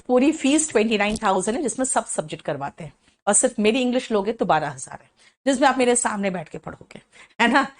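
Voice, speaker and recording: A middle-aged woman teaching an English vocabulary class in chatty Hindi, checking in with her students often and reading English definitions slowly. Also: fairly high pitch, expressive. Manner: explains in chatty Hindi, mixing in English phrases, with frequent "है ना?" check-ins.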